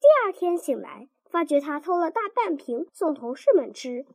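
Animated woman reading a story. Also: high-pitched, normal speed, no echo. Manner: animated, playful voicing of scenes. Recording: dry close sound, faint music. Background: faint music.

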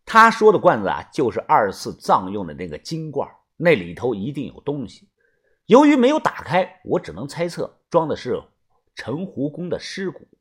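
A man narrating a first-person adventure story as an audiobook, in an animated storytelling manner. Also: mid-range voice, normal speed, slightly rough. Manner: animated first-person tomb-raiding tale telling.

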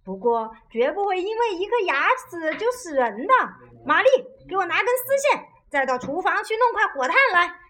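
A woman playing a fussy, doting old aunt in a children's radio play, speaking in quick exclamations and scolding often. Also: extremely high pitch, big pitch swings, pushed and bright, exaggerated voice.

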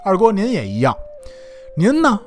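A shrewd, suspicious official who pins people down with questions, as a male storyteller plays him. His voice sits high and moves lively up and down. Faint music hums underneath. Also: moderate pace. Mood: explaining. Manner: pressing, interrogating.

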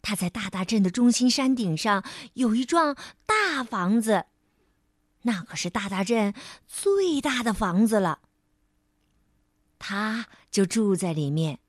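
A woman narrating a bedtime story for young children, gently speaking to the child as her little darling. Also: medium pitch, lively intonation, a little slow, no room sound, clean studio sound. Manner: gentle, addresses the child as baby.

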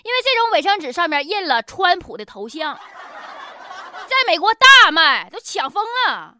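A woman's voice: extremely high pitch, big pitch swings, normal speed, pushed and bright, a little hiss or hum. A woman with a Northeastern Chinese accent hosting a comedic news commentary show in a colloquial, joking, exaggerated way. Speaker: radio show host.

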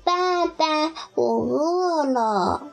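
A woman voicing a clingy, sweet newborn male duckling with high, childlike calls in a children's story. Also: expressive, very slow, gravelly, faint music behind, heavily acted.

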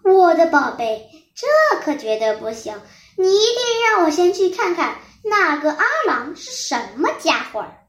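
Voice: extremely high pitch, big pitch swings, a bit bright, echoey room, heavily acted. A child voicing a protective, angry mother sheep who scolds and demands answers. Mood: indignant. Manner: scolding, fast and insistent.

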